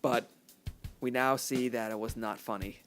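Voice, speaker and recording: A man from the United States co-hosting a casual podcast, joking in a deadpan, mock-apologetic way. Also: medium pitch, moderate pace, faint music behind. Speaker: podcast co-host.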